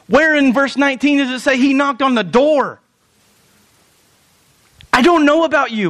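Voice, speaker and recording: A man's voice: very high-pitched, a bit bright. A man preaching a sermon as pastor in a church, telling the story with animation and acting out the scenes.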